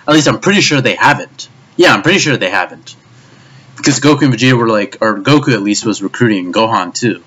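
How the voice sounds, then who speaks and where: Fed up with an anime, a man rants about it, swearing heavily and tripping over his words with plenty of repetition. His voice is medium-pitched and fairly bright, though the recording has its highs cut off.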